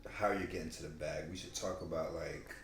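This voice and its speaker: A man with a very low voice talks casually and slangily as a podcast co-host. He peppers his points with little check-in phrases. The room echoes and there is faint noise behind him. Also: fairly even intonation, a little fast. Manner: slangy, repeats "you know what I mean". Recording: roomy echo with faint background noise.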